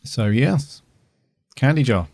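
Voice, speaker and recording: A man's voice: mid-range voice, lively intonation, takes it slowly, vocal fry, darkish tone, dry recording, clean studio sound. A man chatting casually as a podcast host. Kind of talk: casual chat.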